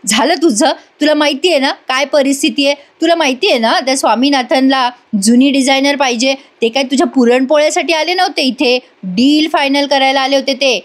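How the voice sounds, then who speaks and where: An exasperated young businessman, impatient and grumbling, pushed to plead against his will, in a woman's high voice. He talks plainly, close to the narrator's own tone. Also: fairly quick, few pauses, lightly acted. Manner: impatient, pleading through gritted teeth.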